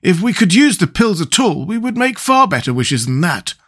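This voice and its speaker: A living scarecrow from a storybook, acted out by a man, pitched very high above a normal male register. He is curious and fretful, fussing over each point with emphatic, swooping delivery. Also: expressive, moderate pace, a bit bright. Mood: sharp, puzzled.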